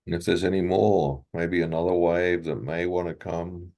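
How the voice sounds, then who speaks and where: On a lo-fi recording, a low-pitched man with vocal fry leads a guided meditation in fairly even intonation. He goes gently and slowly, pausing at length between short phrases.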